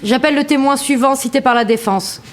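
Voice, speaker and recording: An actress playing a firm, formal presiding judge with an authoritative manner in a courtroom audio drama. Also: female voice, high-pitched, a little fast, slight background noise, natural voice. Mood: formal, composed.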